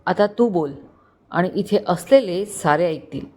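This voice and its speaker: A woman's voice: on the low side, lively intonation, unhurried. A woman voicing an angry, protective young husband who threatens and commands. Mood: furious. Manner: shouting, commanding, stony.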